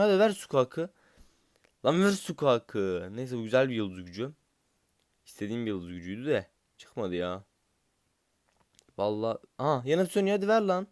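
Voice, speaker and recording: Young male gaming commentator, impatient and cursing, smooth voice, dry close sound. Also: mid-range voice, dry recording. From Turkey. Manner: frustrated, impatient, swears at the game. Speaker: gaming YouTuber.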